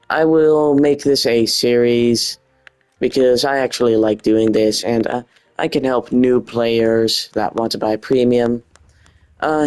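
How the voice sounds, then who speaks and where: A Netherlands native with a Dutch accent walks through a gaming video slowly and informally, his remarks built from short, forceful phrases. His voice is mid-range, smooth and slightly mellow, with quiet music underneath.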